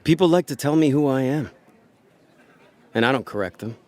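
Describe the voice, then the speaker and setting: A male actor plays a laid-back, cynical con man in a hardboiled noir radio play, delivering wry, slangy, world-weary lines. His mid-range voice is animated, moderately paced, darkish, and close to everyday speech, with some chatter behind and prominent music underneath.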